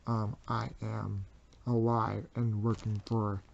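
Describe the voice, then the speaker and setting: A man voicing a sneaky male plush-bear double agent in a homemade toy video, muttering low and quiet. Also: level tone, slow pace, gravelly, dull audio, a little hiss or hum. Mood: scheming.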